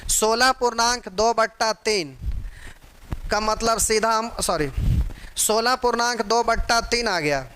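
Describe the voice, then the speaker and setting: High bright-voiced Hindi math teacher. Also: male voice, a little slow, a little hiss or hum. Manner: drills fraction-percent pairs aloud, addresses students as "pyare". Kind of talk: exam-prep math lesson.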